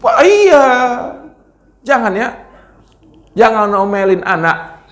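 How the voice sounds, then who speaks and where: Man, Friday sermon, lively scolding and joking, echoey mosque hall. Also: high voice, slow pace. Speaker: preacher.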